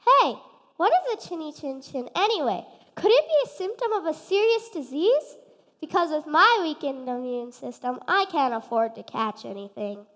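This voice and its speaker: Woman doing a worried allergic little pig, high and fretful, echoey hall. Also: animated, moderate pace, a bit bright. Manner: fretful, hypochondriac. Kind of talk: stage play performance. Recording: stage in a reverberant hall.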